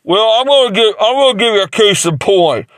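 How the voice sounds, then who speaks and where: High-voiced rambling man. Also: expressive, brisk, fairly bright tone, dry recording. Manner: rambling, crude jokes, many fillers. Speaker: comic playing a mattress salesman. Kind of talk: improvised mock infomercial interview.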